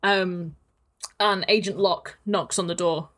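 A woman's voice: on the low side, fairly even intonation, slow, noisy background. A woman narrating a tabletop game as game master, rambling with many restarts. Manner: rambling, with frequent fillers and restarts.

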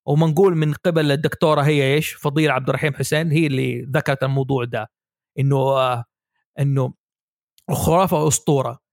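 A man hosting a podcast, explaining ideas in a lively way and asking his guests for their views. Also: mid-range voice, quick pace, vocal fry, dry recording, studio quality. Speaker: podcast host. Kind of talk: casual podcast discussion.

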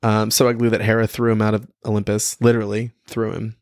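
A man's voice: lowish voice, monotone, fast, a little mellow, no echo, clean studio sound. Laughing, rambling male podcast co-host. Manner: laughing, rambling, swears freely. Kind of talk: casual chat.

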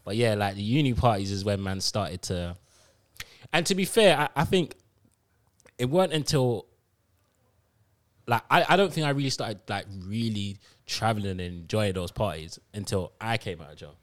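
A man's voice: lowish voice, animated, moderate pace. A young man with a London roadman accent, reminiscing in casual group chat with heavy street slang and frequent repetition.

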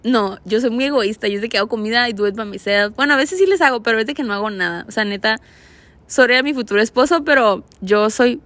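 A woman's voice: fairly high pitch, quick pace, no echo. A Mexican woman in her twenties hosting a podcast, telling a family story in casual, slangy chat. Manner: chatty, animated, slangy storytelling. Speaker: podcast host.

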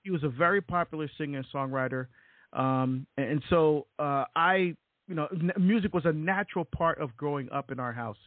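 With a fairly high voice at a fairly quick pace, the Barbadian deacon and author, middle-aged, shares his story as an interview guest. It's casual talk laced with fillers and repetition, recorded as dry, tinny, phone-like audio with no room sound.

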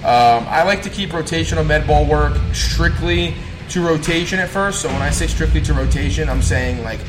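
A man's voice: on the high side, moderate pace, over music. A man speaking as a strength coach, explaining things casually and in a rambling, informal way to his followers. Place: gym overlooking an ice rink. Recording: noisy gym with loud background ambience. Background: rink noise and ambience.

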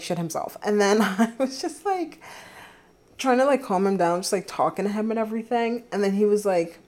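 A woman's voice: medium pitch, a little mellow. A young woman in her twenties hosting a solo podcast, telling a dating story in a chatty, giggly way with lots of fillers. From Philadelphia area. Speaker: podcast host.

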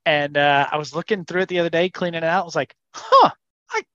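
A man's voice: fairly high pitch, fairly even intonation, racing, a bit bright, dry recording. A man co-hosting a casual chat, rambling with many restarts. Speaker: podcast co-host. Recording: dull lo-fi sound.

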